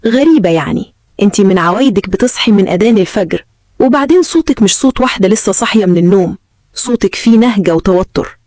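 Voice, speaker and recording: A woman's voice: medium pitch, expressive, fast talker, a little mellow, no echo, natural voice. A woman with an Egyptian accent voicing a stern, suspicious middle-aged husband who speaks in a dry, businesslike way.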